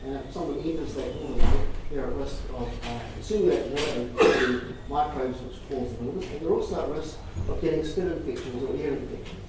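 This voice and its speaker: Man presenting in a very echoey room. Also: mid-range voice. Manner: measured, repeats phrases for emphasis. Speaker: presenter taking audience questions. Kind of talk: public talk with audience questions. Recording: echoey room, distant mic, noisy.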